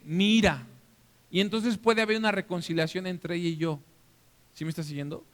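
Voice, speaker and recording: A man with a Mexican accent preaching a sermon as pastor, animated and interactive, often checking that the congregation is following. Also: sits high. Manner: animated, acts out scenes for the listeners. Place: church hall. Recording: long reverb of a church hall.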